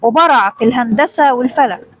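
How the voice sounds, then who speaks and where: A woman with an Egyptian Arabic accent narrating a summarized children's story in a lively, brisk way. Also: on the high side, no echo, low-quality recording. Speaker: storyteller, parenting channel host.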